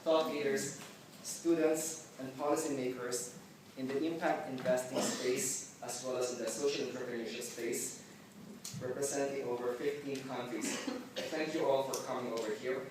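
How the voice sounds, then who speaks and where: A man raised in the Philippines gives measured welcome remarks as the organizer of a forum in a large conference hall, correcting himself now and then. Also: mid-range voice, fairly even intonation, noisy background. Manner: measured, deliberate delivery with occasional slips. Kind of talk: formal prepared speech. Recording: echoey hall, mic at a distance.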